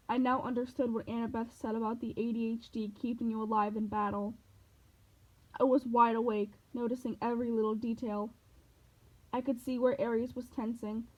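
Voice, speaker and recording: A woman's voice: a little high, a little mellow. A woman reading a novel aloud, telling the story steadily in the first person. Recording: dull lo-fi recording.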